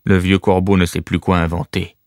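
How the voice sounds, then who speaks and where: A man voicing weary slaves who talk in a gruff, offhand way. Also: low-pitched, flat delivery, normal speed, dry recording, studio quality, close to an everyday voice.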